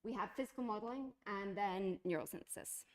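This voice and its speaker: A woman's voice: medium pitch, a little fast. A woman giving a university lecture, explaining step by step with frequent fillers and restarts.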